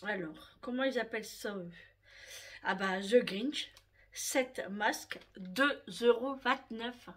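In a fairly high, fairly bright voice, a woman from France slowly and casually displays her purchases to viewers. She chats with them directly and is fond of finishing lines with "hein."

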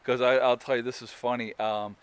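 A homesteading vlogger in his forties talks casually outdoors in the woods on a sunny day, holding a phone or camera at arm's length. His medium-pitched voice is smooth, brisk, and flat in a dry recording. He rambles, with many fillers and restarts.

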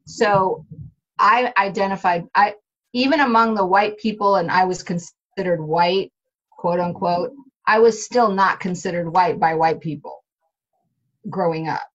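A woman's voice: on the low side, a little slow. A woman from Houston, a professor speaking on a video call from a home study, chatty and personal. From Houston, Texas. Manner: chatty, personal, laughs easily. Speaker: professor in conversation. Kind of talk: casual academic conversation on a video call. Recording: dull lo-fi video call audio.

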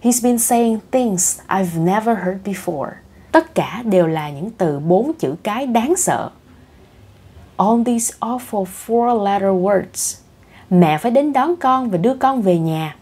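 A woman's voice: medium pitch, expressive, slow pace, warm tone, husky, heavily acted. A woman reading the lines of a young bride who pleads tearfully with her mother.

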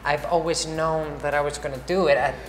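An Icelandic woman with a low voice chats away in a casual interview, full of fillers and restarts. Her tone stays steady and her pace is brisk. A lapel mic picks her up in a large, bright hall with wood screens, where roomy echo, faint ambience and slight background noise are audible.

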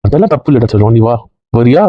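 A man's voice: mid-range voice, lively intonation, fast, no echo, muffled recording. A man in a casual comedy skit, teasing and mock-threatening the others in a bossy way.

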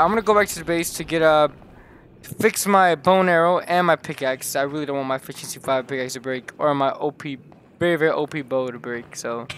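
A young man casually commenting while he plays, excitable and talking straight to his viewers, often exclaiming in surprise. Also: fairly high pitch, slight background noise. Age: young adult. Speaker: gaming YouTuber. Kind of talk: casual Let's Play commentary.

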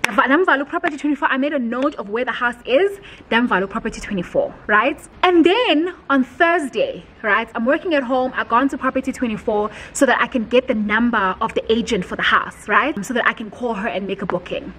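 A young woman tells a story in a casual sit-down home vlog, animated and heartfelt, with many filler words. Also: a little high, a little fast, a little hiss or hum, poor audio. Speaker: vlogger. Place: home, indoors.

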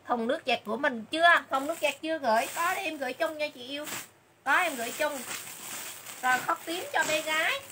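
A woman doing a livestream sales pitch for clothes, chatty and repeating item names and prices again and again. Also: fairly quick, noisy background. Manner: chatty, calls viewers "dear sisters".

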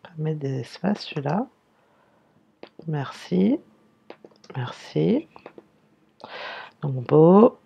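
A woman teacher giving a slow dictation lesson, spelling words out syllable by syllable. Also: deep voice, lively intonation, gravelly, dull audio, a little hiss or hum.

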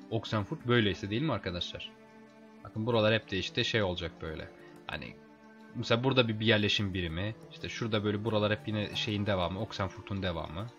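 A man's voice: lowish voice, dull audio. Chatty man narrating his gameplay. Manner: chatty, addresses viewers as friends, excitable during fights. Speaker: let's play host. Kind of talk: casual gameplay commentary.

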